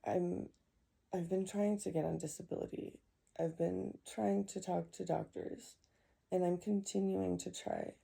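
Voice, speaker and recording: A young woman venting to camera about her struggles, upset and halting, often repeating herself. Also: fairly low pitch, steady tone, creaky, mellow, husky. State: distressed. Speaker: vlogger. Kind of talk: emotional personal vent.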